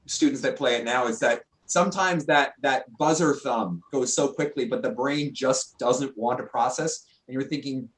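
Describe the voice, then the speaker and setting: A man's voice: mid-range voice, normal speed, few pauses. A man hosting a casual online interview, chatty and jokey, often restarting his sentences. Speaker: interview host.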